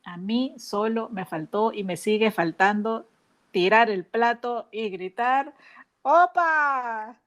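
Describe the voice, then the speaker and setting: Woman podcast host, unhurried, chatty, enthusiastic. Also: mid-range voice. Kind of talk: casual podcast conversation.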